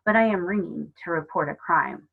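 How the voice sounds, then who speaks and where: A woman's voice: fairly low pitch, moderate pace, creaky, husky. A woman doing an earnest, stubborn young girl. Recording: dull lo-fi recording.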